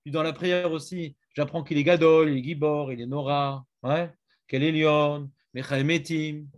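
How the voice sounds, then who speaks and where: A man's voice: a little high, steady tone, moderate pace. A man teaching a Talmud class, questioning and prodding his students.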